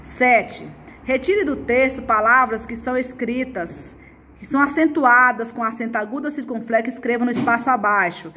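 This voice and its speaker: A woman's voice: on the high side, normal speed, bright, forceful tone, a little hiss or hum. A woman from Brazil, a mother and a teacher, giving a chatty, coaxing remote lesson to schoolchildren. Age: adult, mother. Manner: chatty, coaxing, often adds "gente".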